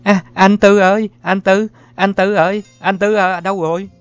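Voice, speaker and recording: A devoted young woman, fussing and pleading in a soft, high voice, as a male reader puts her on. Her worry runs through every line. The audio is dull and lo-fi with faint music behind. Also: little pitch movement, normal speed, clean tone, close to an everyday voice. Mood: anxious calling.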